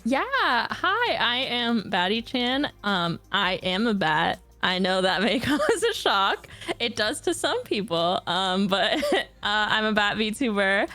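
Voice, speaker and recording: Animated, giggly woman chatting on stream. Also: medium pitch. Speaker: VTuber streamer, guest. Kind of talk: casual livestream chat. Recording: music behind the voice. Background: music.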